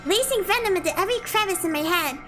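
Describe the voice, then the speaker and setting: A woman streamer reads a story game aloud in a very high, bright voice. She reads the narration, then breaks into swearing reactions with a lively pitch. Faint music plays behind her. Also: quick pace.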